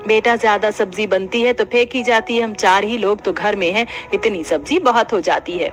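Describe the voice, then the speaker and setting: A woman voicing a stingy older mother-in-law in an animated family story, bossy and scolding. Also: mid-range voice, moderate pace, faint music behind, close to an everyday voice. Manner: scolding, penny-pinching.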